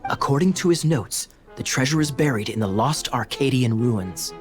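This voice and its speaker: Scheming cavalry captain for a game, played by a man: mid-pitched, grandiose storyteller, teasing, music underneath. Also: lively intonation, normal speed, lightly acted. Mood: grand storytelling. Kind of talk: video game voice acting.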